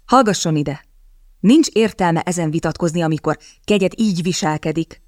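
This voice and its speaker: A woman reading the part of a sulky, cowardly young gentleman who whines and stammers. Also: lowish voice, no echo, clean studio sound, lightly acted. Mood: whiny. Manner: whiny, stammering.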